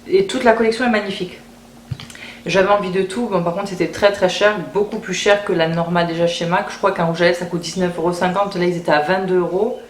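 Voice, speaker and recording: A woman chatting casually through a beauty haul video, often repeating words as she thinks aloud. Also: mid-range voice. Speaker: beauty vlogger. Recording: roomy echo, faint background hiss.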